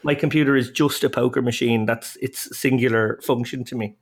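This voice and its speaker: A man's voice: mid-range voice, steady tone, brisk. Man, mid-range voice, podcast guest, casual opinionated talk, discursive and self-qualifying. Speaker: podcast guest, poker player and commentator.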